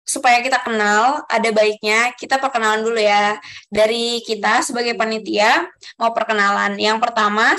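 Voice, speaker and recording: A young woman with a fairly high voice facilitates an online group discussion over a video call. Politely, and using soft fillers, she reads out the rules one by one.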